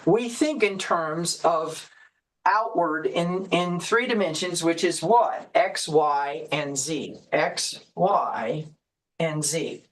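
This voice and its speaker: A woman teaching a sermon at a ministry service, deliberate, repeating key phrases and checking in with her listeners. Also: fairly low pitch, poor audio. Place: church service.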